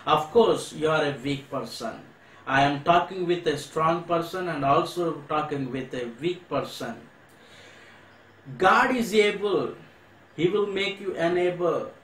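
A man with an Indian English accent preaching a sermon, earnestly repeating phrases and slowing down to stress key words. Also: fairly high pitch, a bit bright, roomy sound, low-quality recording. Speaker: pastor. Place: church hall.

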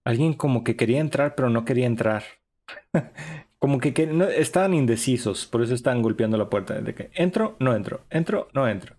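Streaming a horror game live, a young man talks briskly through chatty, upbeat commentary. His voice is mid-range with a darkish tone.

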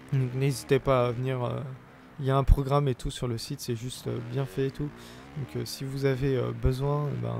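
A young let's play gamer with a sore throat offers casual commentary on his own gameplay, chatty and hesitant, with bursts of playful cheering. His mid-range voice is creaky, and there's background noise.

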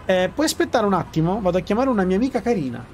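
A man's voice: sits high, animated, very fast, darkish tone, slight background noise. A man reading aloud the lines of a playful, persuasive young woman in a video game.

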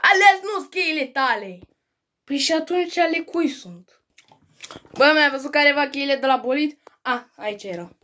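Comedy sketch performer, woman with a high voice, snappy bickering delivery. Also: expressive, sharp tone, a little hiss or hum. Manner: quick, bickering, swears often. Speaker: sketch comedian playing several family roles.

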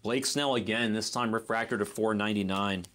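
A man's voice: lowish voice, fairly even intonation, fairly quick, fairly bright tone, a little hiss or hum. A man hosting a live card break, giving easygoing running commentary and second-guessing how to pronounce names. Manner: easygoing running commentary, unsure of name pronunciations.

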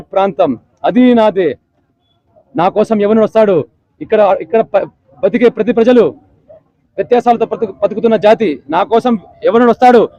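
A man's voice: extremely high pitch, darkish tone, dry recording. A man declaiming as a proud warrior king. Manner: declaiming in grand formal phrases. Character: proud ancient warrior king issuing threats. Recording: dull lo-fi recording.

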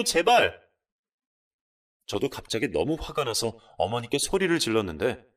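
Male narrator of a radio drama story, lively expressive delivery, a bit far from the mic. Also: medium pitch. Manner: expressive storytelling in first person of a wife. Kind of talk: scripted narration of a listener's story.

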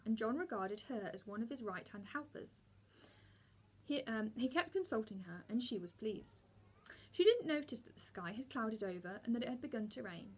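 Brief: teacher reading a children's story aloud, somewhat high and husky. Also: female voice. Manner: steady storybook reading with small slips.

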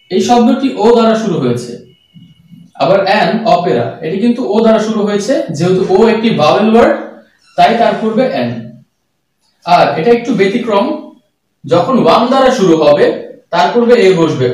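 High-voiced guy teaching grammar, super echoey room, mic kinda far off. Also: darkish tone. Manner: patient, repeats key points, reads out examples slowly. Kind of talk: explaining grammar rules to students.

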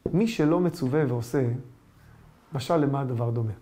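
A man, a rabbi giving a lesson, telling humorous stories in an animated way. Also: medium pitch, background noise. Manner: animated storytelling, acts out voices.

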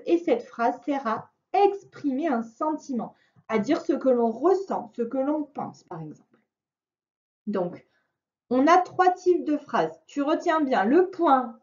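A woman teacher slowly and patiently explaining a grammar exercise to a young child, in a recorded lesson. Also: high voice, big pitch swings, a little mellow. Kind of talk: recorded remote classroom lesson. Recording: dull lo-fi recording.

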